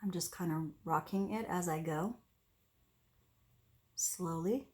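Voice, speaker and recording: A woman with a slightly low voice hosts a casual craft demonstration. She talks through each step as she works, unhurried and conversational. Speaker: host of an acrylic pour painting tutorial. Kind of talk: casual craft demonstration, narrating as they work.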